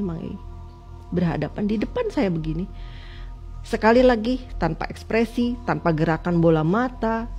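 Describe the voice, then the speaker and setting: Here a West Javanese woman, on as a guest, tells her personal story with strong emotion. She alternates between crying out loudly and dropping into soft, subdued passages.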